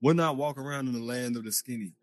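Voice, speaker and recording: A man from the United States chats casually as a podcast guest, stressing his points and talking loosely with fillers. He speaks through a VR headset mic inside a virtual social space, his voice at an ordinary middle pitch. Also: quick pace. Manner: emphatic, talks loosely with fillers. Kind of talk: casual chat.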